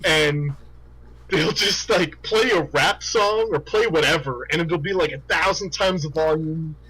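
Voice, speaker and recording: A man co-hosting a casual comedy podcast, an animated storyteller who laughs a lot. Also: on the high side, measured pace, breathy edge, rough recording. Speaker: podcast co-host.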